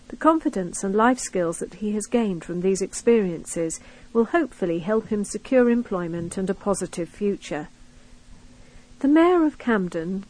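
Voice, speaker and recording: A woman's voice: mid-range voice, a little mellow, poor audio. British woman reading local news articles. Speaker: reader of a recorded local magazine. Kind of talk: scripted read-aloud narration of news articles.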